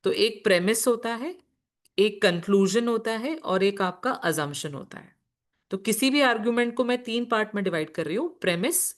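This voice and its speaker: Woman teacher explaining step by step. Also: medium pitch. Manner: explains patiently, asks and answers her own questions; mixes English terms into Hindi explanations. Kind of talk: classroom lecture.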